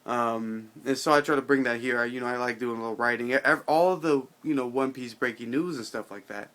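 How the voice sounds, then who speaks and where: A tipsy, tired man rambling casually to his channel's viewers, halting, repeating himself and swearing in loose slang. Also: mid-range voice, fairly bright tone. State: drunk, somewhat intoxicated and tired. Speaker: video channel host. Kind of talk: casual rambling vlog monologue.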